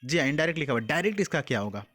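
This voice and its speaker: A male teacher in an exam-prep lesson, with a voice a little high for a man. He explains patiently, poses questions to his students and answers them himself, and reads example sentences slowly, word by word. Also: very animated, a bit bright. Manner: mixes English words into Hindi explanation.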